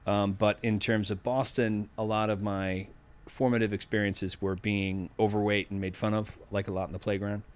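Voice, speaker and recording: A man in his fifties from Massachusetts talks as a podcast guest in a somewhat low voice. He sounds reflective and candid, often restarting his sentences as he gathers his thoughts. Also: little pitch movement, normal speed, hardly any pauses, clear, resonant tone. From Massachusetts, USA. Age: 50s. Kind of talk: casual interview conversation.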